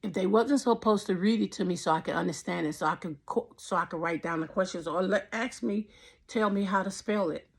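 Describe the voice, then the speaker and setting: Gravelly, husky woman in her fifties. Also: medium pitch, a little fast. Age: 50s. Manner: impassioned, repeats phrases, preacherly. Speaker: vlogger. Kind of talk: personal faith testimony.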